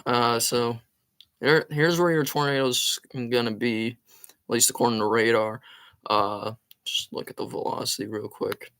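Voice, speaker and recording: Hosting a live storm-tracking stream, a man with a sore throat gives urgent warnings to take cover, peppered with frequent ums and uhs. His voice is mid-range with a fairly bright tone, and the live weather commentary is recorded dry.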